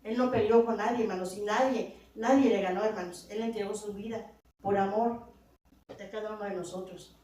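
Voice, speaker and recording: A woman's voice: mid-range voice, steady tone, normal speed, mellow. A woman preaching a sermon in a church, often calling out to her "brothers" and asking "right?", her voice climbing to emphatic peaks. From Latin America. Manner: repeats "hermanos" and "verdad" constantly, rising to emphatic peaks. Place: church hall. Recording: very echoey hall, mic from far off, faint noise.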